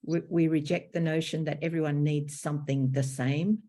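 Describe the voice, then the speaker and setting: Low-voiced Australian woman presenting online. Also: fairly even intonation, mellow. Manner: measured, explanatory, slightly formal. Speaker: presenter, teacher educator. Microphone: video call.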